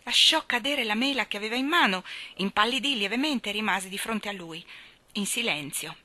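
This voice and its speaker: A woman reading a novel aloud as audiobook narrator, measured and expressive. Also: mid-range voice, no echo. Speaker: audiobook reader.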